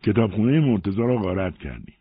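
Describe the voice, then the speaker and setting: A sly schoolboy, as a male reader puts him on, stammering on purpose in a raised, lively voice. The sound is dry and thin like a phone line. It fits a storybook reading. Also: fairly low pitch, husky, no room sound. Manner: fakes a stutter to disguise himself. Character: mischievous schoolboy friend, boy, scheming.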